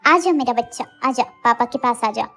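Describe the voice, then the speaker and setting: A calm young father with a dry, teasing way of speaking, as a woman narrator puts him on. The voice is pitched lower than her own but still fairly high, with soft music behind the storybook. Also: moderate pace. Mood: tender.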